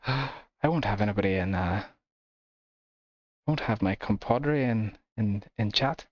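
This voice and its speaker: Low-voiced Irish man chatting while gaming. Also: a little slow, dry recording, highs cut off. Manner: relaxed, chatty, laughs often. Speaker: streamer. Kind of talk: casual gameplay chat with viewers.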